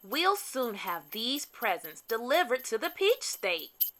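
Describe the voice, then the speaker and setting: Storybook Santa Claus, performed by a woman: old man, hearty and booming, animated delivery, unhurried. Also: slight background noise, full character voice. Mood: merry.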